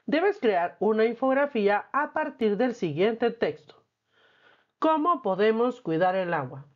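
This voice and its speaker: A woman teacher reading and explaining a textbook lesson, patient and clear. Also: fairly high pitch, very animated, a little slow, dull audio.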